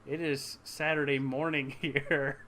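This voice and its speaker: A man's voice: on the high side, level tone, slow pace, sharp tone. A young man hosting a casual home-brewing chat, easygoing and self-deprecating, who chuckles often. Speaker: channel host.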